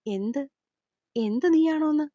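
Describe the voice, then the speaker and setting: A woman's voice: sits high, measured pace, warm tone, no room sound, pitched above the performer's own voice. A woman doing a protective hot-tempered young man. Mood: urgent scolding. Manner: urgent, scolding. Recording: slightly dull lo-fi recording.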